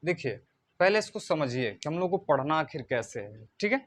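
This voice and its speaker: A man teaching a math lesson in Hindi, reading out decimals digit by digit and slowing down as he writes them. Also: fairly high pitch, very animated, fairly bright tone. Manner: spells numbers out digit by digit, slows when writing. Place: coaching centre classroom.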